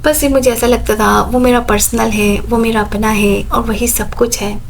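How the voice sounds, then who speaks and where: A woman's voice: fairly high pitch, fairly even intonation, creaky, a little hiss or hum, poor audio. A woman narrating a first-person story in a plain, conversational way.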